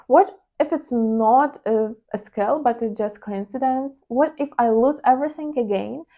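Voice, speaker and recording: Warm in tone and fairly high in pitch, this woman's voice moves at a measured pace over lo-fi sound. She's a trading vlogger, a native Ukrainian speaker with a Ukrainian accent, opening up to her channel's viewers in a candid, reflective personal monologue, with the odd hesitant "uh."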